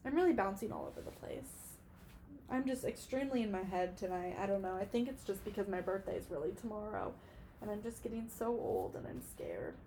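A woman's voice: medium pitch, expressive, fairly quick, mellow, slight background noise. A woman in her early twenties hosting a solo podcast, talking in a rambling, emotional way with many "like"s. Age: 20s. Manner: rambling and emotional, heavy use of "like". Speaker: podcast host. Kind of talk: casual solo podcast monologue.

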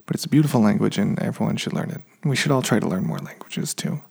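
A man's voice: fairly low pitch, expressive, fast talker, vocal fry, a little mellow, slightly rough. A man with an American accent hosting a podcast in a casual solo chat. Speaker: podcast host.

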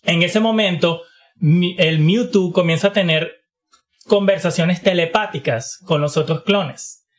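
Man with a fairly high voice, podcast co-host, animated storyteller who talks in quick bursts. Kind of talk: casual chat.

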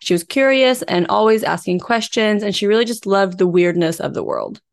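Animated and a bit gravelly, a mid-range female voice moves at a moderate pace. As a true crime podcast co-host, she relays a case from her researched notes informally, weaving casual conversation into the narration.

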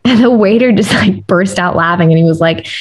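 A young woman from the United States tells personal stories in a relaxed, chatty way, speaking straight to her listeners. Her voice is slightly husky and breathy, and sits at an ordinary pitch for a woman. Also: brisk, low-quality recording. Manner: chatty and candid, addresses listeners directly. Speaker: vlogger sharing personal stories. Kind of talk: casual first-person storytelling.

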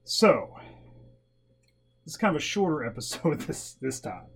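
A man's voice: on the high side, big pitch swings, unhurried, faint music behind. A man co-hosting a podcast in casual chat about ghost stories, with a jokey, teasing manner. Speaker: podcast co-host. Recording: clear background noise with hum.

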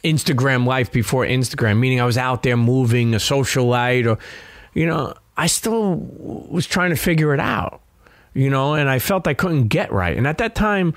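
A man's voice: mid-range voice, animated, normal speed, no echo. Brooklyn-accented man, streetwise and dry-miked. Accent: Brooklyn New York. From Brooklyn, New York. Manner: streetwise, profane, frequent "you know". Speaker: interview guest. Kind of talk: candid conversational storytelling.

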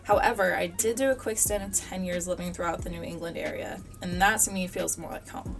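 A woman's voice: lowish voice, fairly even intonation, a little fast. A woman in her twenties from Central Florida giving a friendly, chatty self-introduction. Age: 20s. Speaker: podcast contributor. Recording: distant mic with faint music.

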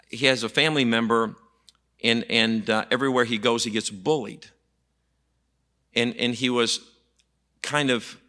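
A man preaching, his voice bright and forceful. He speaks to the congregation in a folksy, emphatic way, circling back on repeated words as he drives each point home. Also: medium pitch. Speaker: pastor. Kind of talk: sermon.

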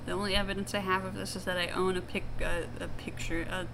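A woman's voice: on the low side, little pitch movement, fast, background noise. A woman co-hosting a casual podcast, giggly and joking around with her co-hosts. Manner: giggly, playful, jokey. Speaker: podcast co-host.

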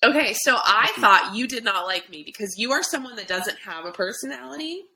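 A young woman from South Florida hosts a casual podcast with a bright, crisp voice set a little high. She talks in a playful, teasing way, keeping the chat light and loose. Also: lively intonation, a little fast, low-quality recording. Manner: playful, teasing, laughs often. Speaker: podcast host.

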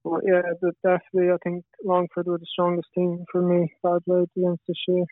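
Young male, west of Ireland accent. Very monotone, understated interviewee on a dry, narrowband line. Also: high-pitched, quick pace, no echo. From Galway, west of Ireland. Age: young adult. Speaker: footballer, podcast guest. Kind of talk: casual interview answers. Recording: tinny band-limited radio-like line.

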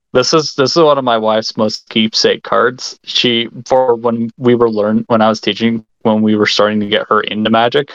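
A man hosting a casual chat, excitable and quick to laugh. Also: lowish voice, vocal fry, dry recording, muffled recording.

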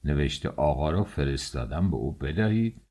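A man voicing a middle-aged male office chief in an audiobook, speaking in a soft, soothing, patronizing way. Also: rumbling low, animated, breathy edge, pitched below the performer's own voice, exaggerated voice. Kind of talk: audiobook character voice.

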